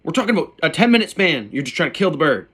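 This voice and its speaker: A turkey hunter shows off his calls in a casual, hands-on gear demonstration, talking bluntly and informally with slang and some mild swearing. His voice is a little high, with big pitch swings, a sharp tone and a breathy edge, and he speaks rapid-fire.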